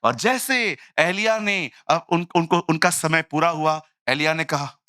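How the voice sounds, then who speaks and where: A man preaching a lively sermon in Hindi mixed with English phrases, telling stories and acting out the voices in them. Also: on the high side, a little slow, dry recording, clean studio sound. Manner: animated storytelling, acts out quoted voices, jokey asides.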